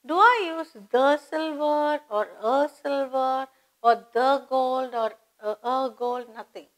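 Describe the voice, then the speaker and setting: Slow, high-voiced woman teaching grammar. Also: fairly bright tone, low-quality recording. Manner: slow and deliberate, spelling words out and asking rhetorical questions. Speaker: English teacher. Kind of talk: grammar lesson for exam students.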